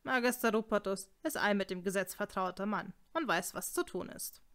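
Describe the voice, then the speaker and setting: A woman's voice: mid-range voice, moderate pace, a bit bright, close to an everyday voice. A woman reading the lines of a compliant townsman in a matter-of-fact manner, in an audiobook. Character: compliant townsman siding with authority.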